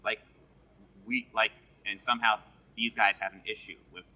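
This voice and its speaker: A man's voice: on the low side, level tone, normal speed, sharp tone, rough recording. A man talking on a stream clip, defensive and sardonic. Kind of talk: casual stream chat.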